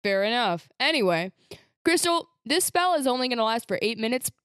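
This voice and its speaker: A woman's voice: a little high, sing-song, a little fast, a bit bright, smooth, dry recording, studio quality. A woman playing a tabletop game, bantering playfully with the others. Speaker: player. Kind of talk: casual tabletop play.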